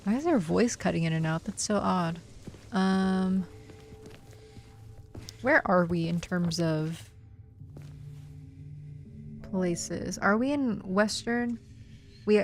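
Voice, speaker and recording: A woman in her twenties giving casual live gameplay commentary, chatty and giggly, talking to herself and her chat. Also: fairly low pitch. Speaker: game streamer. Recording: game music faint behind.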